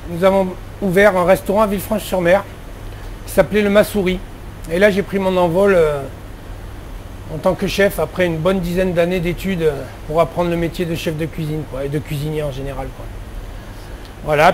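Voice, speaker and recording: A middle-aged man with a fairly high voice talks casually about his work as a head chef. He answers in loose, chatty sentences full of fillers and restarts, with faint noise in the background.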